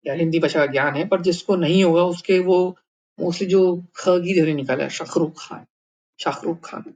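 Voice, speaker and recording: A man's voice: high-pitched, moderate pace, a little mellow. A man from India teaching how to write words in a new alphabet, thinking aloud with fillers and restarts. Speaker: language teacher. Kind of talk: explaining a writing lesson.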